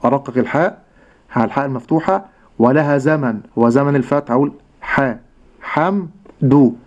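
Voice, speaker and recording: Patient Egyptian man teaching recitation. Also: medium pitch. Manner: slow, patient, demonstrates sounds by drawing out words. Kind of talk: radio lesson on recitation. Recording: dull lo-fi radio recording.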